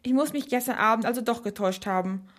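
A woman voicing a calm, clever young man who lays out his reasoning step by step. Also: fairly high pitch, fast, lightly acted. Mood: musing.

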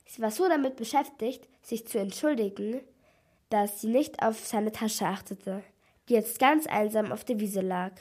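A woman narrates a children's detective story aloud. Her voice sits a little high, and she reads in a lively way, lifting it further whenever a character speaks. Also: measured pace.

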